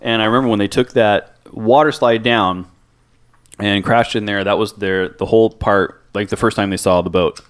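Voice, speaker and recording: A man with a lowish voice chats about a film on a podcast. He rambles, backtracks and swears freely. The delivery is loose and animated. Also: normal speed, smooth. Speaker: podcast co-host. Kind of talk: casual movie chat.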